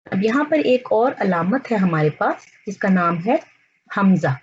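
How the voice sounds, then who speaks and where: A woman teaching the alphabet, naming each letter and its sound slowly and deliberately. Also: mid-range voice, sing-song, darkish tone, highs cut off, a little hiss or hum. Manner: slow, deliberate, spells out letters and sounds one by one. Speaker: language teacher. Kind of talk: slow alphabet lesson.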